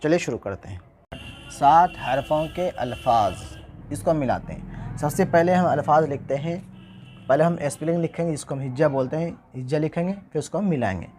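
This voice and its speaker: A man's voice: fairly high pitch, animated, fast talker, dark tone, slight background noise. A man teaching how to write words, spelling them out letter by letter and repeating each word as he goes. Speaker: Urdu writing teacher. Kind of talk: spoken writing lesson.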